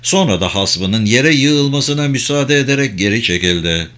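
Man narrating an audiobook, measured. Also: mid-range voice, lively intonation, a bit bright. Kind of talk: scripted narration.

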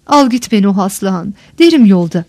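A woman's voice: high-pitched, expressive, moderate pace, no echo. A woman reading the part of a frightened young woman who answers evasively and pleads. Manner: pleading, hushed.

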